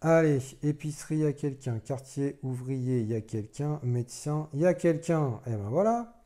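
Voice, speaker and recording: A man's voice: mid-range voice, animated, moderate pace, warm tone. A man casually playing a solo board game, thinking aloud as he explains the rules, with self-deprecating asides.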